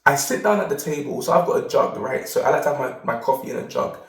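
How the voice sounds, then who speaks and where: A man's voice: mid-range voice, quick pace, far from the mic. A man hosting a self-help video, telling a rambling personal story with lots of repeated words. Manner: rambling, repeats words, animated when quoting. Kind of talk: casual storytelling monologue. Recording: roomy, off-mic sound.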